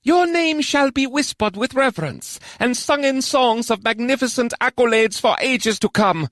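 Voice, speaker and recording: A nasal, high-voiced elf lord. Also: male voice, lively intonation, normal speed, a bit bright, no room sound, studio quality. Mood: proclaiming. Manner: grand, ceremonial proclamation. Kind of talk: audiobook character voice.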